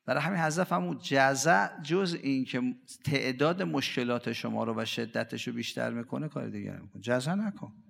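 Gravelly guy preaching a sermon, goes loud then real quiet, acts out people's cries, long echoey hall. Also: medium pitch. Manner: dramatic swings between loud and hushed; acts out quoted voices and everyday cries. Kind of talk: religious sermon.

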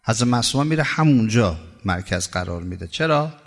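A middle-aged man preaching a sermon, telling stories with emphasis and jumping suddenly higher on key words. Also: expressive. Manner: emphatic storytelling with sudden high rises. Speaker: cleric preacher. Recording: long hall reverb.

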